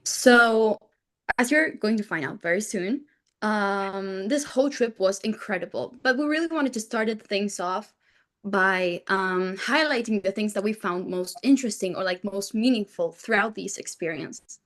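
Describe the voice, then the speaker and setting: A woman's voice: medium pitch, expressive, measured pace. A young woman from Argentina, a youth delegate, speaking enthusiastically and chattily over a video call. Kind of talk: online presentation.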